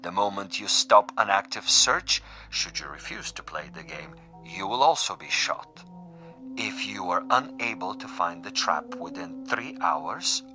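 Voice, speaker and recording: Gloating menace colors this low-pitched performance of a refined, sadistic killer in a suspense radio drama. The actor mocks his victim in exact, formal, theatrical language.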